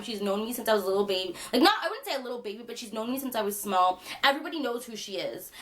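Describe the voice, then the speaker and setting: A young woman vlogger telling a funny story in casual chat, animated and laughing, with lots of fillers. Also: fairly high pitch.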